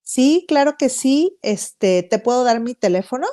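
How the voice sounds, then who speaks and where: A woman's voice: sits high, lively intonation, unhurried, warm tone. A woman with a Mexican accent, a psychologist guest on a podcast interview who explains her points one by one in an upbeat, emphatic way.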